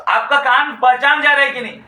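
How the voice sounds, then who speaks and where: Male teacher lecturing in a classroom, really high bright voice, echoey room, repeats stuff and quizzes the kids. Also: fairly even intonation, far from the mic. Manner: dictates slowly, repeats phrases, asks students questions. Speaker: physics teacher.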